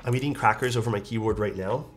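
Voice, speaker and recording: Faint music plays behind a young man streaming live as he builds a keyboard and reads out chat messages. His voice sits on the low side, fast and nasal from a stuffed-up nose.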